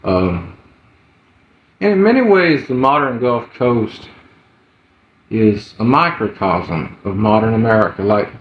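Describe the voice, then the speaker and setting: A man's voice: on the low side, expressive, takes it slowly, long pauses. Southern man on a roomy, muffled livestream. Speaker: livestream host. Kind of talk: casual livestream chat, greeting viewers. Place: indoor room at home. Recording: muffled, roomy, slightly noisy livestream audio.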